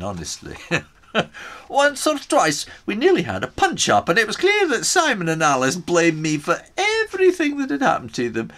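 A man's voice: fairly high pitch, full character voice. Guy putting on a sly scottish island fella, storytime, voice bouncing up and down a lot. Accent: put-on Scottish. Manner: lively, sly first-person storytelling. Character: gruff Scottish island man, crafty and chatty. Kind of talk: storytime reading in character.

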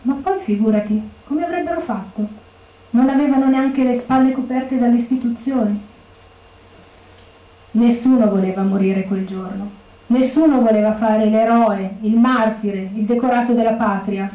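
A woman's voice: on the high side, moderate pace, mellow, close to an everyday voice. An actress playing the grieving widow of a murdered policeman, bitter and accusing, in a stage monologue. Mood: indignant. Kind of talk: theatrical monologue. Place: bookshop stage. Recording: echoey room.

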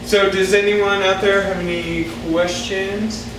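A man's voice: high voice, little pitch movement, a little slow, noisy background. A man emceeing a theater panel, asking loose, filler-heavy questions. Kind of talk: moderating a panel. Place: small theater stage. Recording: echoey room from far off.

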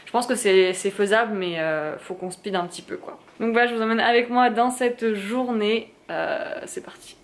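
A woman's voice: mid-range voice, moderate pace, few pauses. A young woman from France chatting casually in a vlog, with lots of fillers and restarts. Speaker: vlogger.

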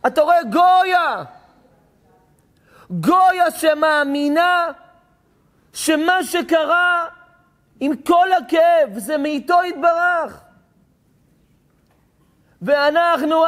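A rabbi delivering a sermon, telling stories with passion, acting out dialogue and rising to shouts at times. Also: male voice, extremely high pitch.

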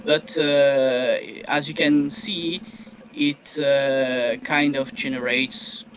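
A man closing his presentation in halting speech with many fillers. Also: medium pitch, fairly even intonation, fairly bright tone. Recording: muffled call audio with faint noise.

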